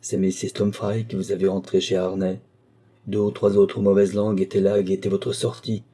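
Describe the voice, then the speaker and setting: A man reading the part of an aging village lawyer who talks slowly and gently, pausing heavily. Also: low-pitched, level tone. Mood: grave. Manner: slow, gentle and pleading, with heavy pauses.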